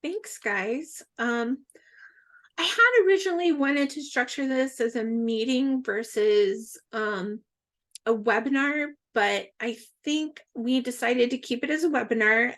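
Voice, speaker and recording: Friendly woman hosting a video call, slightly high voice, easygoing. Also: unhurried, fairly bright tone. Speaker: webinar host. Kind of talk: casual hosting. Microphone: video call mic.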